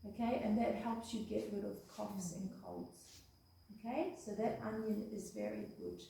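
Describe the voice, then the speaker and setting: A woman's voice: medium pitch, very animated, a little slow, gravelly, warm tone, recorded from a distance. Chatty woman demonstrating in an echoey room. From Australia. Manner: chatty, checks in with "okay?" and "eh?". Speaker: health presenter. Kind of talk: hands-on health demonstration. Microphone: far room microphone.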